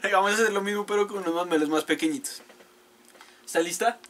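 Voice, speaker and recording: A young man casually hosting a challenge vlog. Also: high voice. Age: young adult. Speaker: host. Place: small bedroom, indoors. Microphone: camera a short distance away. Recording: faintly noisy home recording.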